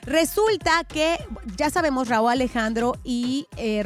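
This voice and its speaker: A woman hosting a radio gossip segment in a casual, playful and theatrical way. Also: sits high. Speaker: radio entertainment gossip host. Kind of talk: casual celebrity gossip commentary. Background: faint music.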